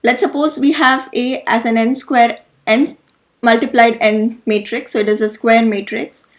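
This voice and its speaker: A woman with a voice on the high side walks through matrix notation step by step in a slide-based math lesson. Her tone is steady and her pace measured, and she explains methodically, correcting herself now and then.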